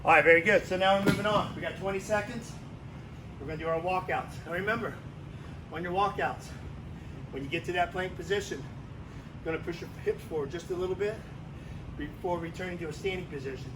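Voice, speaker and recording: A fairly high-voiced man leads a workout like a barking gym coach, giving short, energetic orders. He instructs while exercising, with clear background noise around him. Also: brisk, pauses often, recorded from a distance. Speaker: fitness coach leading a workout. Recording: noisy room with gym ambience.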